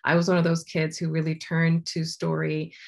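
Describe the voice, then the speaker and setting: A woman from Maryland talks about her writing on a video call, earnest and reflective, pausing gently as she thinks. Her voice sits low and carries a gravelly fry. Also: monotone. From United States (Maryland). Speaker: author guest. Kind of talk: casual talk over a video call.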